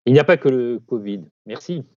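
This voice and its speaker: A man's voice: medium pitch, lively intonation, a little fast, muffled recording. A man who leads a doctors' union, giving firm, persuasive interview answers.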